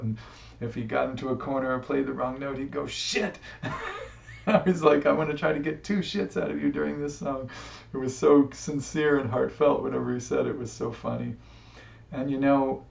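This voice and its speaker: A musician speaking to camera in a personal tribute, reflective and heartfelt, pausing often with fillers, recorded on a webcam microphone. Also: male voice, medium pitch, creaky, darkish tone. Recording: roomy, distant, dull webcam sound.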